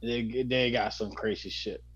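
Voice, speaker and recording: A man's voice: mid-range voice, fairly even intonation, measured pace, fairly bright tone, breathy edge, muffled recording. Laid-back swearing man from El Salvador. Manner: laid-back, swears a lot, says "dude". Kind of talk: casual chat.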